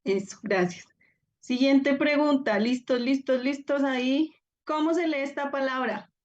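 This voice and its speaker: A woman's voice: sits high, a little slow, a little mellow, muffled recording. A woman teaching a live online class, encouraging and upbeat as she calls on students by name over a video call. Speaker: Biblical Greek teacher.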